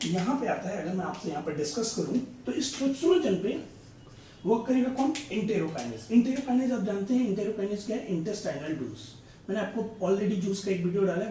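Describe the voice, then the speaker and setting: Brief: high-voiced male tutor, playful analogies, echoey room. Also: dark tone, distant mic. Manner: asks the class checking questions, tells playful analogies. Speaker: biology tutor. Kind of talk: casual classroom explanation with stories. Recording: echoey room from off mic, faint noise.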